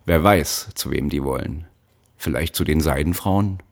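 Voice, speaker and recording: A man voicing a brutal factory overseer who shouts threats at child workers. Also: low voice, expressive, unhurried, husky, full character voice. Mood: falsely sweet. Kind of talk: audiobook character voice.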